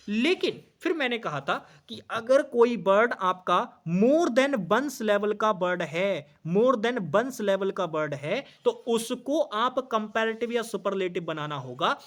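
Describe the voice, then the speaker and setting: A man teaches an exam-prep English grammar lesson. He keeps asking questions and answering them himself, and he repeats each key point. He calls his students brother as he goes. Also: sits high.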